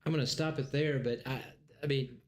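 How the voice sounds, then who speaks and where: Man teaching a church class, chatty and halting, mid-pitched. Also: steady tone. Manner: conversational, halting, many restarts. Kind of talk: casual teaching.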